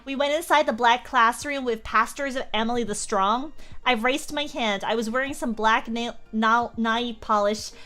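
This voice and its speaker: A woman's voice: fairly high pitch, normal speed, pushed and bright, soft background music. A young Australian woman streamer reading a fanfic aloud with comic commentary, often breaking into giggles. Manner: giggly, keeps breaking into laughter.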